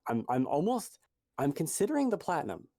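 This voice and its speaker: A man's voice: a little high, huge pitch swings, brisk, warm tone, no echo, studio quality. A man co-hosting a podcast in casual chat, rambling and correcting himself as he goes. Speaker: podcast co-host.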